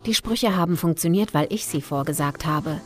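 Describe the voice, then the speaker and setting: Calm young witch guide, a woman voicing her. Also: low voice, normal speed, faint music behind, natural voice. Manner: calm, instructive, ominous. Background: film score.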